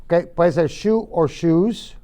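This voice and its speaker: Middle-aged guy teaching a class, slow and patient, warm mellow voice, has them repeat words after him. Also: a little high. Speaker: ESL teacher. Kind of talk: classroom vocabulary drill.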